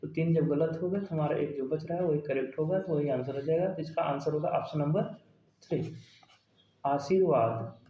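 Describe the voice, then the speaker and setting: A man's voice: on the high side, moderate pace, slight background noise. A man, teaching grammar for an exam-prep lesson, asking questions and then answering them step by step. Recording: dull, roomy sound.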